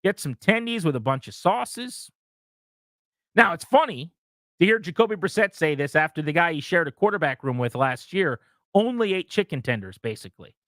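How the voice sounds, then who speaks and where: A man on sports talk radio, his voice sitting a little high for a man and recorded dry and close. He lays out his opinions with conviction and speaks right at his listeners. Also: fairly bright tone, dry recording. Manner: opinionated, talks straight to listeners. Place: radio studio.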